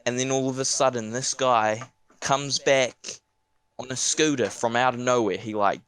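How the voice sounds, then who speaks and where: A man's voice: medium pitch, fairly even intonation, moderate pace, fairly bright tone, smooth. A young man with a broad New Zealand accent casually telling an anecdote on a podcast, slangy, sweary and laid-back. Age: young adult. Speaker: podcast speaker.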